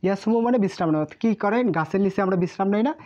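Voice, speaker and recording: A patient Japanese language teacher gives a kanji lesson explained in Bengali, repeating and drilling each word several times. Her mid-range voice races along with a darkish tone. The sound is muffled and lo-fi.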